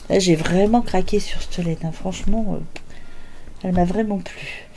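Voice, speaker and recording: A woman's voice: on the low side, moderate pace, warm tone, a little hiss or hum. An older woman hosting a knitting podcast, chatting casually and hesitantly with lots of filler sounds as she shows her work. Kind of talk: casual show-and-tell chat.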